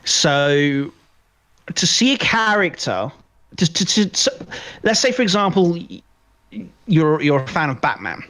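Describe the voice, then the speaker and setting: Bright and forceful, a slightly high male voice swings broadly in pitch while staying unhurried. He's a podcast co-host giving strong, opinionated film commentary in easygoing talk, repeating phrases to stress them.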